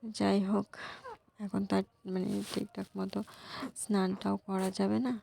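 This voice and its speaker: A young woman, hoarse from a cold, talking softly to her viewers in a casual vlog. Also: level tone, normal speed, slight background noise. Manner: soft, low-volume talk. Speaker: vlogger.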